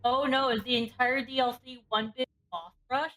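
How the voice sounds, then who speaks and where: A woman's voice: high-pitched, fairly even intonation, moderate pace, bright, forceful tone, low-quality recording. A woman on a game stream casually passing on details she has looked up. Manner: reports looked-up facts plainly. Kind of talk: casual chat. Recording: game music playing behind.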